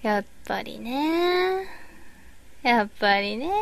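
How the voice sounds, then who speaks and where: A woman chats through a live stream, fiddling with her audio settings and answering chat comments as she goes. Her voice sits high and swings widely in pitch. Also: creaky. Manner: chatty, fussing over audio setup, reading chat comments. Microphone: boom mic.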